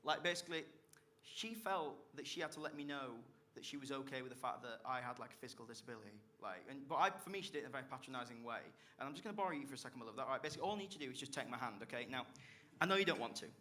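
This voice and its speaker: A young man from Barnsley, South Yorkshire, England, with a South Yorkshire accent, performs a live stand-up set on a comedy club stage, throwing cheeky, sweary banter at the crowd. His mid-range voice is very fast, bright, and forceful with lively intonation, and there's a little hiss or hum.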